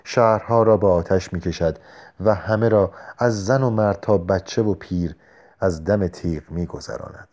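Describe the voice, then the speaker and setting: A man calmly narrating a novel in a measured storytelling voice. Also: deep voice, muffled recording. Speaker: audiobook narrator. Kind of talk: scripted narration.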